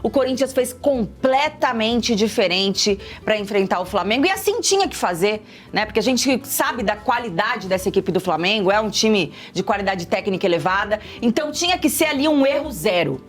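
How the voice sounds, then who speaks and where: A woman's voice: mid-range voice, lively intonation, moderate pace, few pauses. A woman commenting on football in a casual panel chat, stressing her points by repeating them. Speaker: sports commentator.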